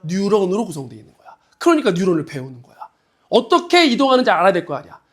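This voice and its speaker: A male high school biology teacher giving a casual classroom lecture, teasing his students and firing quick questions at them. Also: sing-song.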